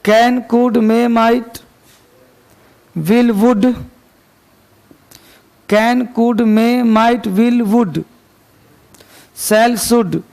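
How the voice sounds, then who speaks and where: A man's voice: extremely high pitch, fairly even intonation, drawn-out words, creaky, long pauses, darkish tone. A man teaching an English grammar class, chatty and joking, quizzing his students as he goes. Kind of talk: classroom lecture.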